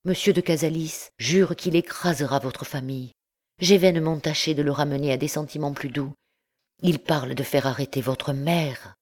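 A woman reading an audiobook, voicing a gentle, compassionate older priest who speaks softly and consolingly. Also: sits low, fairly even intonation, moderate pace. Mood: troubled. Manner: soft, consoling.

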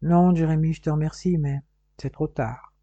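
A woman reading the part of a stern, weary middle-aged father, firm and then low and resigned. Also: steady tone, moderate pace, mellow, dry recording. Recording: dull, muffled dry recording.

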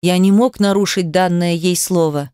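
A woman's voice: lowish voice, steady tone, normal speed, mellow, clean tone, no echo, studio quality, lightly acted. A woman voicing a tender brooding young man. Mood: earnest.

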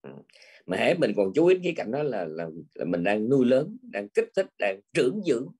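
A man's voice: mid-range voice, very animated, brisk, dark tone, slightly rough. An older man giving a Buddhist dharma talk in a conversational way, often tagging his sentences with small prompting words. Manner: conversational, with frequent tag words. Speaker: Buddhist teacher.

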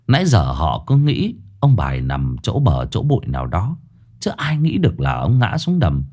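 A man's voice: lowish voice, wildly swooping pitch, moderate pace, a little mellow. A man narrating a ghost story, dramatic and blunt, with coarse slang.

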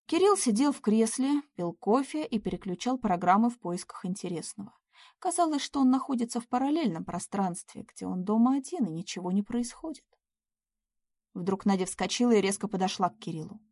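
A woman reading a psychological novel aloud in a steady, expressive voice. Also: mid-range voice, brisk, no room sound, clean studio sound. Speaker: audiobook narrator. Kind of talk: dramatic audiobook narration.

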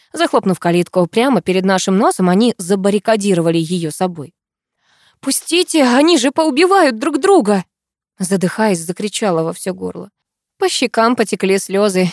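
A woman reading a first-person novel aloud as an audiobook narrator, with an emotional, expressive delivery. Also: mid-range voice, no echo, clean studio sound.

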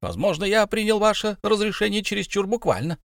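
A fussy little hobbit, as a male reader puts him on with a voice lifted well above his own and a lively, fluttering lilt. He sounds aggrieved and ironic, in a dry storybook reading. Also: high voice, brisk, creaky, no echo, pitched above the performer's own voice, exaggerated voice. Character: high-pitched fussy hobbit man, timid yet sly.

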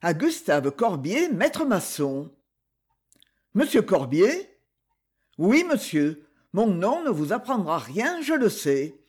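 A man voicing an anxious middle-aged master mason who pleads and stammers, with a husky, lively voice. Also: sits high, takes it slowly, full character voice. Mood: anxious pleading. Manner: pleading, flustered.

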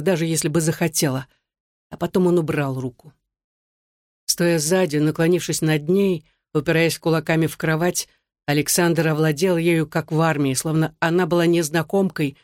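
A woman narrating a novel in an even, measured reading voice. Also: low-pitched, dry recording, clean studio sound. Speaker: audiobook narrator.

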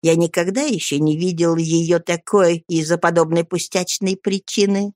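A woman voicing a cunning old male fence who speaks slowly, thoughtfully and slyly in an audiobook reading. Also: on the low side, steady tone, darkish tone, no room sound, clean studio sound, close to an everyday voice. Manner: slow, thoughtful, sly.

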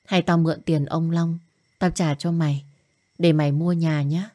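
A woman voicing a young woman who is sad and downtrodden, speaking softly through tears. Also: low voice, steady tone, moderate pace. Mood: tender.

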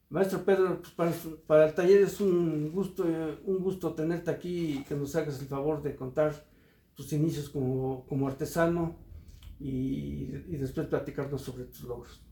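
A man's voice: a little high, warm tone. Courteous man interviewing in a roomy space. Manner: formal, courteous, with filler words. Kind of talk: community radio interview. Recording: roomy echo.

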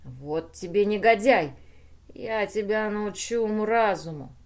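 A woman's voice: medium pitch, expressive, a little slow, natural voice. A woman doing a hot-tempered male inventor. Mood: furious. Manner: furious, shouting.

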